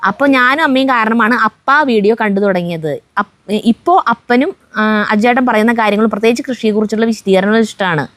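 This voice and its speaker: On a windy day outdoors at home, a family-vlog co-host reads viewers' comments aloud steadily, stopping at times for jokes and chatter. Her voice is on the high side, her pace is quick, and there's no echo.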